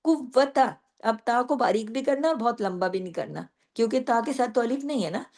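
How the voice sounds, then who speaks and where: A middle-aged woman with a fairly high voice teaches recitation rules in a patient, explaining tone. She stops often to recite short phrases slowly, stretching the sounds out. Her lesson moves steadily, one rule at a time. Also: expressive, a little mellow. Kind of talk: tajweed lesson.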